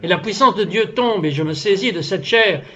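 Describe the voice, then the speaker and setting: High-voiced man dubbing a testimony. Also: expressive, moderate pace, pushed and bright, dull audio. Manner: earnest storytelling, acts out the dialogue of his story. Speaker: interview guest telling a testimony. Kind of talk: French voice-over dub of a testimony.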